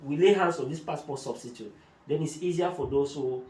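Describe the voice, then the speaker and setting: Explaining procedures step by step and using German terms, a migration adviser talks fairly quickly in a slightly high voice with a darkish tone. This talk-show discussion was captured in an echoey room, with the mic placed at a distance.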